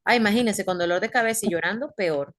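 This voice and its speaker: A woman's voice: mid-range voice, fast. Patient woman teacher explaining step by step. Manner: patient, explains step by step, asks the class questions. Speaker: English teacher. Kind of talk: online class teaching.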